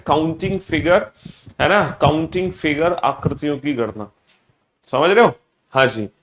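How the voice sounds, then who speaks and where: A man teaching a live online class, energetic, repeating his phrases and mixing Hindi with English terms. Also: a little high. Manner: energetic, repeats phrases in sing-song greetings.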